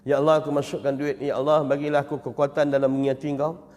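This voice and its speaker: A pleading, repetitive voice of an ordinary worshipper murmuring prayers over a donation box, as a Malaysian man acts him out. The voice sits lower than the speaker's usual lecturing pitch. A long mosque-hall reverb trails every phrase. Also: little pitch movement, racing, a little mellow, close to an everyday voice.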